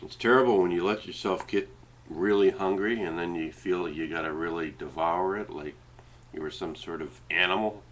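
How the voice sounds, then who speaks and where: This middle-aged man speaks low, with a Canadian Maritime accent and a stuffy, runny nose that makes him sound congested and nasal. Talking casually to a desk-distance webcam in a small room at home, he rambles haltingly and sometimes eats as he talks. His tone is fairly bright, with slight background noise.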